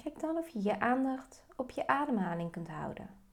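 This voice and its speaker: A woman guiding a meditation, giving slow, calm, soft-spoken instructions. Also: a little high. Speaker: meditation guide. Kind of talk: guided meditation.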